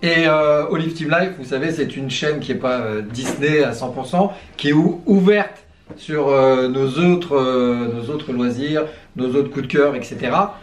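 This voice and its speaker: A man's voice: medium pitch, unhurried, roomy sound, recorded from a distance, faint music behind. A man co-hosting a casual vlog, teasing and upbeat with frequent chuckles. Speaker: YouTube co-host.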